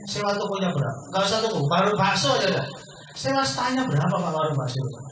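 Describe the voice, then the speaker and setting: A man giving a persuasive business sales pitch to a seminar audience, asking questions and answering them himself. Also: lively intonation, fast talker. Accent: Indonesian. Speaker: business presenter. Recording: echoey room from far off, faint noise.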